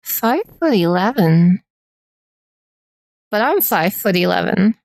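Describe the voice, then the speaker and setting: A woman's voice: medium pitch, very animated, slow pace, vocal fry, darkish tone, no echo, studio quality. A woman streamer in casual, playful chat with her viewers, teasing them lightly.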